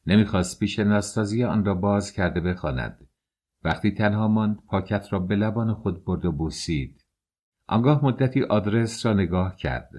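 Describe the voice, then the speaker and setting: A man reading a classic novel aloud as an audiobook narrator, in a measured, expressive way. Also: on the low side. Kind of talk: scripted literary narration.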